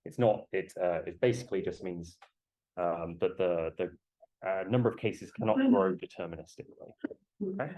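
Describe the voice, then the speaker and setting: A man lecturing to a class through a face mask while he has a cold, explaining in a halting way and putting questions to students. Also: low-pitched, warm tone, rough recording.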